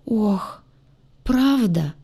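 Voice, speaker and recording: A woman's voice: medium pitch, unhurried, darkish tone, pitched above the performer's own voice, natural voice. A woman voicing a huge, nervous horned male demon who pleads in panicky, stammering bursts, raised above her own voice.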